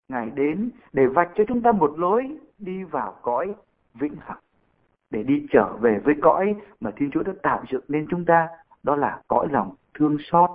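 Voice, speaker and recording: Priest man preaching a homily, kinda high voice, tinny phone-like sound. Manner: storytelling, addresses congregation. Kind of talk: sermon.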